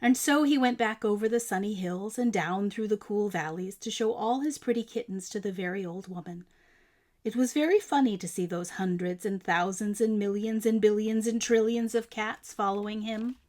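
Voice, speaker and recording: In a mid-range voice, a woman narrates a picture book with expressive emphasis, shaping each phrase carefully for a young audience.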